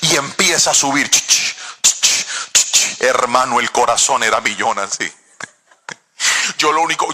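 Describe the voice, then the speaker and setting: A middle-aged man from Cali with a Colombian accent, preaching a sermon and telling a story in an animated, theatrical way with sudden shouts. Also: high voice. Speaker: pastor.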